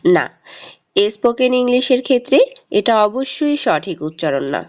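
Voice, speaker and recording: A woman's voice: on the high side, big pitch swings, normal speed, darkish tone, muffled recording. A woman teaching an English lesson, explaining carefully and drilling letter sounds one at a time.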